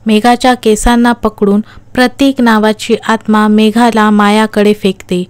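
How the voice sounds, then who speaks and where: A woman's voice: medium pitch, flat delivery, a little slow, clear, resonant tone. A woman narrating a horror audiobook in a dramatic, suspenseful reading style.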